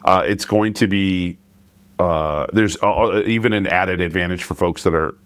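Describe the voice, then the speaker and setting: A man's voice: low-pitched, unhurried, fairly bright tone, no echo. A middle-aged man hosting a podcast, talking in a thoughtful, hesitant way in a casual interview. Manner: hesitant, many fillers and restarts, thoughtful. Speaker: podcast host.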